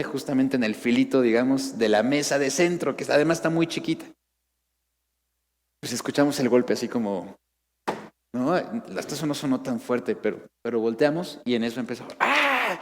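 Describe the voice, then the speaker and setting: Male pastor, 30s, slightly high voice, emotional sermon in a reverberant church. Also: darkish tone. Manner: emotional storytelling, many restarts. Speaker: preacher. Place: church sanctuary.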